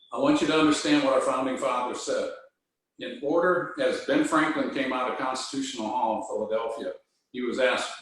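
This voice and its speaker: A man, a congressman, giving a measured, earnest civic speech with frequent fillers. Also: mid-range voice, very echoey, far from the mic, rough recording. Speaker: congressman speaking on a panel.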